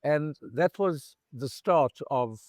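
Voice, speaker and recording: A middle-aged man from South Africa, a bar founder telling lively stories in a casual interview and acting out the voices in them. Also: on the high side, slow, no echo, studio quality. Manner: animated anecdotal storyteller, acts out dialogue. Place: bar in Cape Town.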